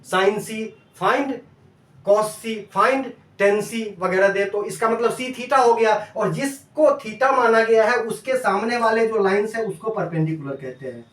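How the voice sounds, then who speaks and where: Male math teacher, high voice, coaxing and repetitive, distant mic. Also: a little slow. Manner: coaxing, addresses students as dear children; repeats and checks understanding. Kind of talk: classroom-style lesson video. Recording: echoey room, distant from mic.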